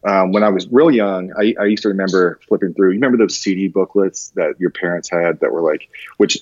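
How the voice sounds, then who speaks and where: Speaking fairly quickly in a low, slightly mellow voice, a man in his thirties trades personal anecdotes in a relaxed interview. The branding designer, who spent most of his youth overseas in Japan, is slangy and self-deprecating. It's a dry recording with the highs cut off.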